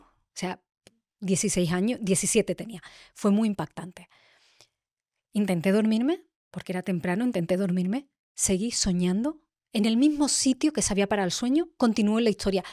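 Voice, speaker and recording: A middle-aged woman, a podcast host telling a personal story in a heartfelt, halting way. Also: medium pitch, a little mellow, dry recording, studio quality.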